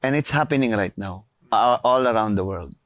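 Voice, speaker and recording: A man with a Filipino accent, an animated and emphatic voice actor guest chatting in an interview. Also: on the low side, normal speed, dry recording, muffled recording. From Philippines. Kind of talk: casual interview chat, Tagalog-English mix.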